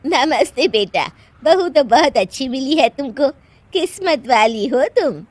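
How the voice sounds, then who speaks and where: A woman's voice: high voice, expressive, a little slow, no echo, pitched above the performer's own voice. A woman voicing chatty middle-aged friends who gush with praise. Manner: gushing praise.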